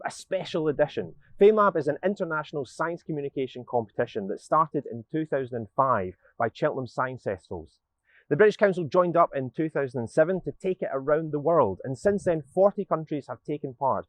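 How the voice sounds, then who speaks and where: A man's voice: fairly high pitch, dry recording. A Scottish man from Glasgow hosting an international science communication competition, with an upbeat, welcoming, scripted delivery. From Scotland. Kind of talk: scripted presenting to camera.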